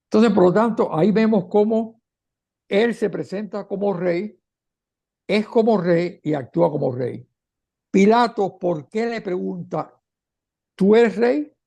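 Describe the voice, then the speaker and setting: A man's voice: high voice, a little slow, vocal fry, mellow. A man teaching a Bible class, reading scripture passages aloud and explaining them step by step. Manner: explanatory, reads scripture aloud then comments, occasional restarts. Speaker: catechist.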